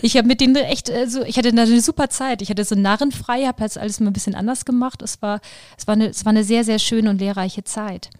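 A woman, a podcast guest, telling her life story in lively conversation with many fillers and restarts. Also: fairly high pitch, fast talker, no room sound, studio quality.

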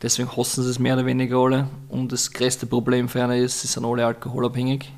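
Young austrian dude rambling through stories on a podcast, gravelly voice, colloquial. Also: male voice, mid-range voice, monotone, quick pace. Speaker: podcast guest, Muay Thai fighter. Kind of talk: casual storytelling conversation.

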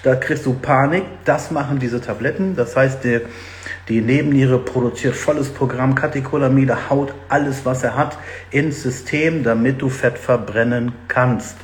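Male fitness host, live-stream chat, animated and direct, mid-range voice. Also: medium pitch, normal speed, a little hiss or hum. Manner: lively, explanatory, addresses viewers directly. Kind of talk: live-stream talk to viewers.

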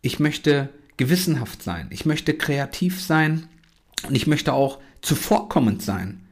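A man's voice: a little high, lively intonation, a little slow. A man hosting a podcast, giving an earnest motivational monologue and repeating self-affirmations. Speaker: podcast host.

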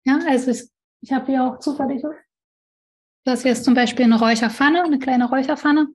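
A woman's voice: high-pitched, steady tone, fairly quick. A middle-aged woman from East Germany, a smoke-cleansing practitioner, explaining in casual chat and correcting herself often as she shows her tools. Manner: demonstrates objects while talking, frequent self-corrections.

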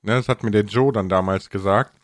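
A podcast host and content creator chats colloquially in a casual podcast, his lowish voice moving a little fast. The sound is dry and close with no room echo, and his s sounds come out slightly stressed and sibilant.

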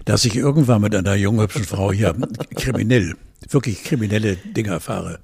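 A man's voice: fairly low pitch, fairly quick, vocal fry, darkish tone, breathy edge. A middle-aged man, co-hosting a casual podcast and telling rambling anecdotes with acted-out voices. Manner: rambling storyteller, acts out quoted voices. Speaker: podcast co-host. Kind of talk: casual chat.

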